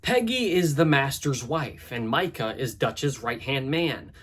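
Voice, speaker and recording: Husky man narrating a video essay. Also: mid-range voice, animated, a little slow, fairly bright tone, faint music behind. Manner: conversational and analytical, with asides.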